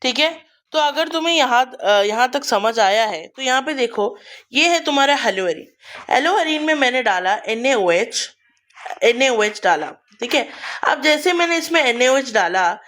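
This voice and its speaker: Young woman teaching chem, slightly high voice, takes it slow, keeps asking the class questions. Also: animated, a bit bright. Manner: repeats steps and quizzes students, calls them beta. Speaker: chemistry teacher. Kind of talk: Hindi-English classroom lecture.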